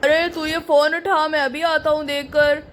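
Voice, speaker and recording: A woman's voice: sits high, little pitch movement, moderate pace, slight background noise, natural voice. Woman voicing a bossy male hijacker. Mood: threatening. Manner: threatening, barking orders. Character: menacing male plane hijacker, bossy thug. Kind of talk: doll story role-play.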